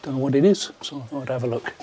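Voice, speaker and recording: Speaking very fast in a mellow, mid-range voice, an older vlogger offers casual walking commentary and reads aloud on a handheld camera. He visits a historic site, covering village ruins outdoors and an old schoolroom inside, with background noise clearly present.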